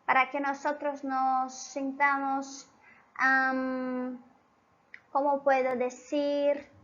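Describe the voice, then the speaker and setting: A woman's voice: sits high, monotone, extremely slow, fairly bright tone. A woman who is a native Portuguese speaker, teaching a Spanish grammar lesson patiently and often checking in with her students. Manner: patient, keeps checking in with listeners. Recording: dull lo-fi recording.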